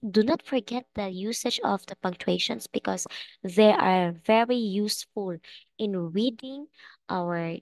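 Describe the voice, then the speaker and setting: A woman's voice: mid-range voice, a little mellow. A woman teaching an online English class, speaking patiently and checking often that her students understand.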